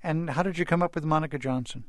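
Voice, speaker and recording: A man's voice: on the high side, quick pace, no echo, studio quality. A man interviewing a guest in a conversational broadcast style. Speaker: radio interviewer.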